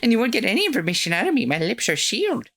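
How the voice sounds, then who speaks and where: A woman's voice: a little high, wildly swooping pitch, rapid-fire, a bit bright, no room sound, full character voice. Woman putting on a cantankerous little old granny. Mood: cranky, scolding. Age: elderly figure. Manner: scolding, cantankerous grandma voice. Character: feisty sweet-talking little old lady security guard, grudge-holding. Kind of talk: amateur video game voice-over.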